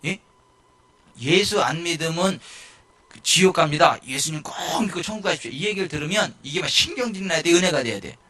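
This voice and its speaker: A male pastor giving a lively sermon in a church, rising to shouts and acting out the people in his stories. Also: on the high side, fairly quick. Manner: animated, shouting at peaks, mimicking people.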